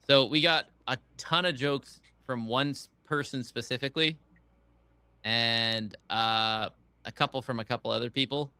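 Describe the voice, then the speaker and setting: A man's voice: medium pitch, steady tone, a little slow, sharp tone, clear, resonant tone. A man co-hosting a casual podcast chat, talking hesitantly and laughing easily. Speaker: podcast co-host.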